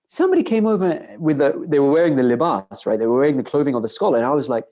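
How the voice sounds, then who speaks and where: A man's voice: a little high, sing-song, rapid-fire, warm tone. A young man answering audience questions in a casual lecture, earnest and conversational, often restarting his sentences.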